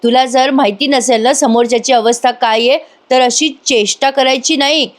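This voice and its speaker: Bitter young bride, as a woman narrator voices her: furious, shrill, high-pitched. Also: fairly even intonation, moderate pace, lightly acted. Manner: scolding, shrill outbursts.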